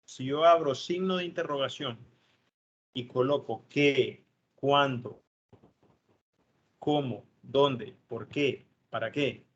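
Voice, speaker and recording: A man's voice: medium pitch, slow pace, pauses often, dull audio, a little hiss or hum. A man giving a tutoring lesson, explaining step by step and checking in with his students. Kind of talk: online tutoring lecture.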